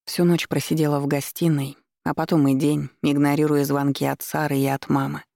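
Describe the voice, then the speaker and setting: Brief: woman narrator for a first-person novel, even and measured, a touch of vocal fry. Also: deep voice, dry recording, studio quality. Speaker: audiobook narrator.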